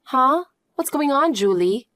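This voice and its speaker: A woman's voice: high voice, lively intonation, a little slow, sharp tone, dry recording, voice pushed up, heavily acted. Woman doing a tearful, loving foster mom. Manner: emotional, gushing. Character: tearful, loving middle-aged foster mother. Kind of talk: animated story voice.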